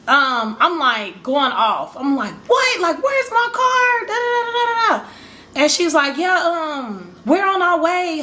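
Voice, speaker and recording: Her pitch fairly high and her tone bright, a chatty woman shares a storytime vlog directly to camera. She rambles, talks to viewers as "y'all," and acts out what she felt.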